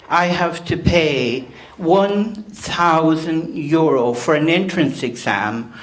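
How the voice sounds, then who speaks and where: An Irish man with a voice pitched a little high. He speaks up as a member of the public, unscripted and emphatic. His delivery is indignant and insistent. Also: rough recording. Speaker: audience contributor at a public meeting. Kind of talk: impassioned public comment, unscripted.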